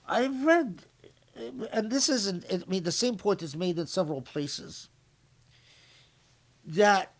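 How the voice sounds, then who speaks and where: A high-voiced man, a scholar giving Quran commentary, delivers an unscripted religious lecture. He's reflective and halting, often restarting sentences, and recites short Arabic phrases before explaining them in English.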